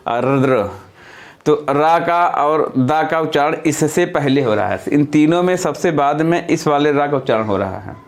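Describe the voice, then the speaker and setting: Male teacher from India, slightly high voice, patient step-by-step explainer who repeats himself. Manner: self-correcting, thinking aloud mid-explanation. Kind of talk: classroom-style lesson.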